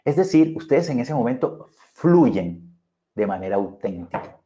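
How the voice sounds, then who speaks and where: A public speaking consultant from Bogotá, with a mid-range, dark, sing-song voice and measured pace, presents a conversational virtual conference talk. He keeps checking in with listeners, and the video-call audio comes through muffled.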